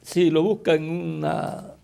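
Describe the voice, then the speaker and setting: Slow, gravelly-voiced male preacher. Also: a little high, fairly even intonation, dark tone. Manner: slow, deliberate preaching with rhetorical questions to the congregation. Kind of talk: sermon.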